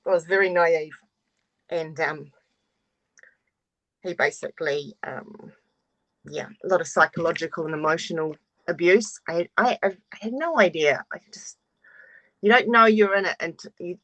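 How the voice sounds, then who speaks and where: A woman in her forties introduces herself with frank openness, now and then letting a curse slip. Her voice sits fairly low. It comes through a video call with a dry, close sound. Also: normal speed, long pauses, fairly bright tone, no echo, low-quality recording. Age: 40s. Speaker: course participant.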